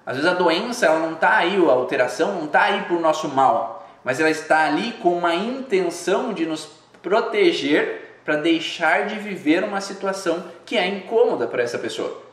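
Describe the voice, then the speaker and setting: A man's voice: high-pitched, lively intonation, moderate pace, fairly bright tone, echoey room. A man hosts a live video and explains his ideas in a reflective way. He repeats phrases and asks rhetorical questions. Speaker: host of a live video channel. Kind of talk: explanatory live-stream talk.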